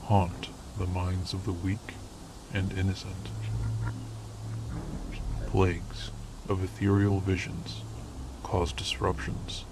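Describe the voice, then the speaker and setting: Playing a secretive, stern paranormal investigator and mentor for an audio drama, a man uses an altered, disguised deep voice that is formal and commanding. The mood is ominous, with a completely flat, unhurried delivery and vocal fry, set against a noisy background.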